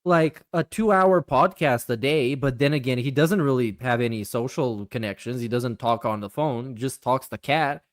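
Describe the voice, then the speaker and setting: A man co-hosting a stream, chatting casually in an animated, rambling way. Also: mid-range voice, normal speed, hardly any pauses, no room sound, studio quality. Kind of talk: casual chat.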